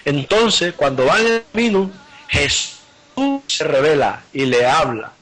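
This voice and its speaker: A man's voice: fairly high pitch, sing-song, unhurried, fairly bright tone, soft background music, low-quality recording. A man preaching a live sermon, earnestly retelling scripture and often repeating and restarting his phrases.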